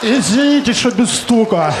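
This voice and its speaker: An actor playing a bumbling male passenger, a provincial prosecutor, with halting, hesitant speech in a comedy sketch. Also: high voice, animated. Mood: bumbling, curious. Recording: echoey stage, crowd and noise behind.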